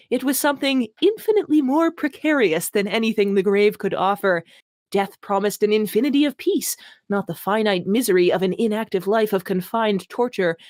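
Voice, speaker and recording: Over an online voice call, a woman hosts a comic reading, giggling and acting mock-dramatic while tossing in her own remarks. Her voice is medium-pitched and darkish, and the voice chat audio is dry with no room sound.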